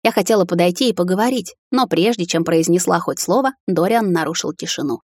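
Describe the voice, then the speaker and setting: A woman narrating a novel in first person, with an even, expressive storytelling manner, recorded close to the mic. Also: on the low side, fairly quick, slightly rough, dry recording. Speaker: audiobook narrator.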